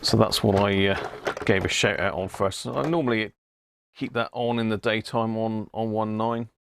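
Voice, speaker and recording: A gravelly, slightly bright, lowish male voice with fairly even intonation moves at a moderate pace. He's a British CB radio hobbyist livestreaming casually from an indoor radio room, rambling and musing aloud with chummy asides to viewers.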